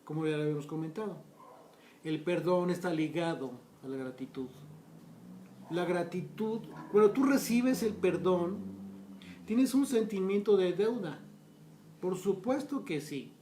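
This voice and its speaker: A man with a high-pitched voice leads a Bible study, reading passages aloud and stopping to speak straight to his listeners. The sound carries a noticeable room echo. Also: a little mellow, a little hiss or hum. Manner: reads scripture aloud and breaks off to explain, addressing listeners directly. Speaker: Bible teacher. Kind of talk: verse-by-verse Bible study teaching.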